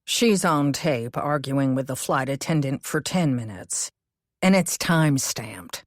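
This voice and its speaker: Woman reading as a calm, cautious cozy mystery businessman. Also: extremely low pitch, unhurried, no echo, studio quality, full character voice. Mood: concerned.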